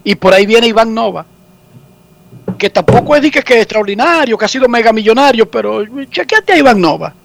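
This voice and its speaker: A high-voiced man with a Dominican accent hosts a sports call-in show, lively and joking. He talks fast and playfully. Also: vocal fry, a little hiss or hum. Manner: joking, theatrical mock sobbing. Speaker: sports radio host. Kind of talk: comic sports talk radio.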